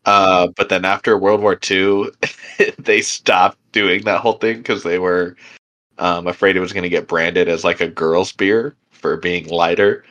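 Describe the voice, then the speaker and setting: A young man co-hosts a beer podcast, speaking in a low, fairly bright voice with a steady tone and measured pace. The chat is casual and rambling, heavy with fillers, and he laughs easily.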